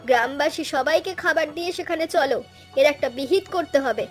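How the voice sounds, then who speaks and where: A woman's voice: sits high, a little fast, close to an everyday voice. A woman voicing a jealous, scheming village wife in a cartoon dub, bossy and commanding. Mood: accusing. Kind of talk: cartoon dubbing. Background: faint music.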